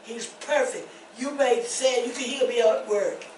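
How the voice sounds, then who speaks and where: An older woman pastor preaching a testimony sermon, rising to shouts and laughing. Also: fairly high pitch, moderate pace, slight background noise. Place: church. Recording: echoey church from far off.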